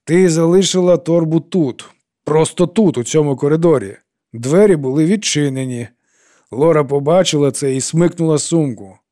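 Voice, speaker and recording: A man reading an audiobook and voicing an older woman with arthritic hands who speaks in a measured, firm tone. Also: a little high, mellow, dry recording, studio quality, pitched above the performer's own voice, close to an everyday voice. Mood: stern, exasperated. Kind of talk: audiobook character voice.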